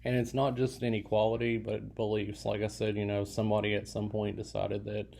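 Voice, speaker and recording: A college lecturer gives a recorded talk in a loose, casual style, full of fillers and restarts, and he yawns now and then, trying to stifle it. His voice is fairly low, creaky, and a little mellow, delivered monotone and brisk.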